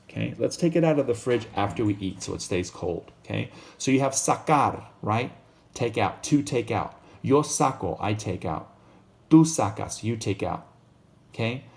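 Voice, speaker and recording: Casual man teaching Spanish lessons. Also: vocal fry. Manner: explains slowly, models Spanish phrases in a louder, higher voice.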